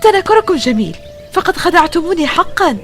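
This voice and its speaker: A woman's voice: extremely high pitch, big pitch swings, a little fast, fairly bright tone, soft background music, full character voice. A woman in her twenties playing a puzzled modern young woman lost among ancient Romans in an audio drama. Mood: bewildered. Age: 20s. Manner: puzzled, questioning.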